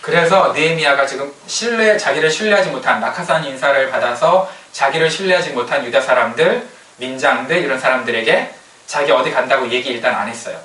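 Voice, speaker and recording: Lively male pastor preaching in a roomy hall. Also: mid-range voice, fairly quick, slight background noise. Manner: lively, colloquial preaching with acted-out quotes. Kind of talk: sermon. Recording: roomy hall sound, distant mic, faint ambience.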